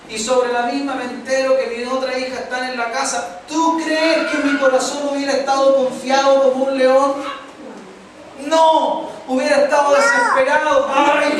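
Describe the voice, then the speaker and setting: A middle-aged male pastor with a Chilean accent preaches with animated rhetorical questions. His voice is caught from far off in a very echoey church hall, with clear background noise. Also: extremely high pitch. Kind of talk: sermon.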